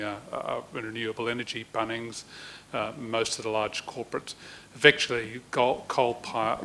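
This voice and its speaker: A man's voice: on the low side, bright, forceful tone, slight background noise, low-quality recording. A man, a council chief executive, giving formal explanatory answers at a meeting.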